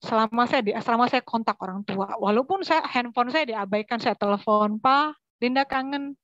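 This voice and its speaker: A woman's voice: fairly high pitch, normal speed, fairly bright tone, no echo, muffled recording. A woman from West Sumatra giving an earnest church testimony, often turning to address her listeners directly. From West Sumatra, Indonesia. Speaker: testimony speaker.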